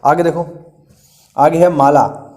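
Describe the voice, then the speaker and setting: A man's voice: on the high side, fairly even intonation, slow pace, a little mellow. A man delivers an exam-prep lecture in a slightly raised voice. He explains patiently and says key words twice or three times so students catch them. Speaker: Hindi teacher.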